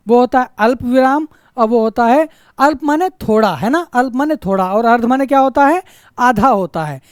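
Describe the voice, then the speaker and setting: Very high-pitched and clean-toned, this man is recorded at studio quality with no room sound. He delivers an online exam-prep lecture on Hindi grammar, answering his own rhetorical questions, repeating key phrases for emphasis, and regularly checking in with students.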